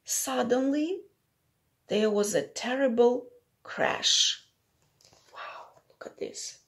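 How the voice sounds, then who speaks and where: A middle-aged woman with a fairly bright, highish voice takes her time reading a picture book to young children in a small plain room. She explains things simply and asks the listeners questions.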